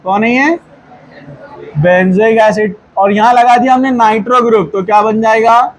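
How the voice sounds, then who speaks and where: A man a high voice leads a chemistry class, firing short questions at his students and nudging them along until they give a reason. He mixes into his as he explains. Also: steady tone, moderate pace, rough recording. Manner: coaxing, quizzing students with repeated questions. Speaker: chemistry teacher. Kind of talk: classroom lecture.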